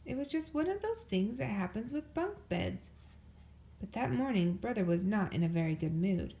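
This is a woman reading a children's picture book aloud, telling the story expressively. Her pitch is medium and her pace moderate.

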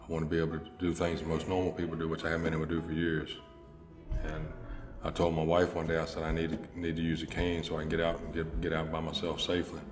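A man's voice: extremely low pitch, completely flat delivery, quick pace. An older man telling his own experience plainly in an interview, recorded in an echoey room with music behind. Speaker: rehabilitation client. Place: indoor room at a table.

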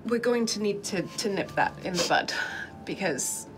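A woman's voice: mid-range voice, animated, normal speed, soft background music, close to an everyday voice, low-quality recording. A woman voicing a stern, guarded human ranger woman who leads a fantasy company in a tabletop game. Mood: guarded, firm.

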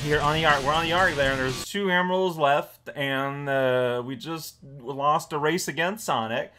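Guy with a slightly high voice doing a chill let's play, wry rambly asides, game music behind him. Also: a little slow. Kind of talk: casual gameplay commentary. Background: video game music and sounds.

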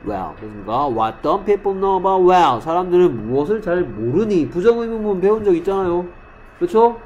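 A man's voice: high voice, lively intonation, darkish tone, dull audio, slight background noise. Man teaching English grammar to a class. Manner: quizzes students by name, repeats English sentences slowly. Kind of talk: classroom lesson.

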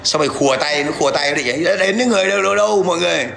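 A man's voice: a little high, rapid-fire, crowd noise. A man ranting aggressively on a livestream, taunting and coarse as he addresses viewers and an absent rival. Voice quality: gravelly. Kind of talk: livestream rant.

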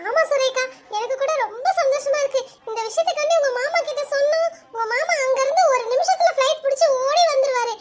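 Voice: extremely high pitch, fairly quick, a bit bright. A performer voicing an anxious middle-aged mother-in-law in a cartoon, fussing and talking over everyone. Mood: delighted. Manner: worried, talks over others, fussing. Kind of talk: cartoon voice acting.

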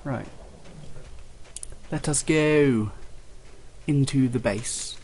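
A man's voice: medium pitch, extremely slow, a little mellow, slight background noise. A man giving casual, offhand let's play commentary with sarcastic jokes. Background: video game ambience and gunfire.

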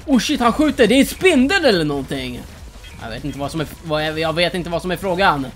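A gamer giving excited, boastful, trash-talking commentary while playing, over a headset mic with game music behind. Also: medium pitch. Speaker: let's play gamer.

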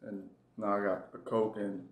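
A man's voice: fairly low pitch, little pitch movement, moderate pace, noisy background. A young man co-hosting a vlog, joking in a laid-back way while he eats. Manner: laid-back, joking, talks with mouth full. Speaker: vlog co-host. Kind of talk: casual chat while eating. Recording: echoey room.

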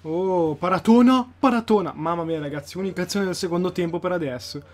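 High-voiced excitable young man gaming. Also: quick pace. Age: young, still in school. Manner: excitable, repeats phrases, bursts into shouting at goals. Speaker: gaming YouTuber. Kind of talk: live football video game commentary. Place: home at night.

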